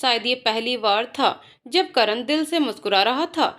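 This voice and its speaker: A woman telling a romantic story in scripted narration, with a high-pitched voice. Her reading stays steady and even from line to line. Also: normal speed.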